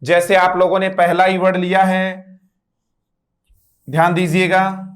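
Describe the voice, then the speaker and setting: A man's voice: sits high, little pitch movement, unhurried. A man teaching an English lesson, spelling words letter by letter and asking students to repeat. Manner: repeats words and quizzes listeners with rhetorical questions. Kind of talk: online class lecture.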